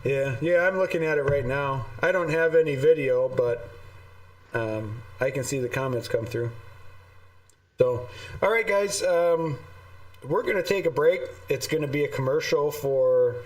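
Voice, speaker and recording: A man chats on a live podcast, rambling and breaking into laughter between thoughts. His voice sits a touch high and sounds set back from the mic, and the whole signal carries an echoey, roomy ring from the call line. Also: measured pace. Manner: rambling, laughs often, trails off with "um". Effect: echoey, roomy sound over an online call. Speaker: podcast co-host. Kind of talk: casual live podcast chat. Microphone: desktop USB microphone through a mixer. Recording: distant echoey call audio.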